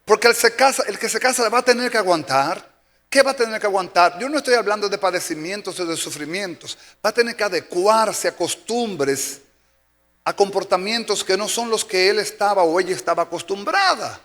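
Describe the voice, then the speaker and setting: A man's voice: sits high, expressive, fairly quick, fairly bright tone. A man pastor with a Dominican Spanish accent, preaching a sermon emphatically and repeating key phrases for effect. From Dominican Republic. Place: church sanctuary. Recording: long church reverb with faint music.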